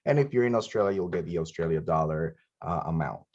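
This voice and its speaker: A man's voice: deep voice, quick pace, darkish tone, highs cut off. A man co-presenting who carefully clarifies a point for the listeners. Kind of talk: clarifying explanation.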